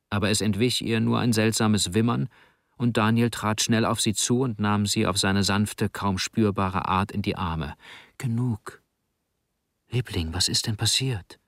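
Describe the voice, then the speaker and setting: Low-ish guy reading a story, calm, dry close sound. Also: dry recording. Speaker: narrator. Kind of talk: audiobook narration.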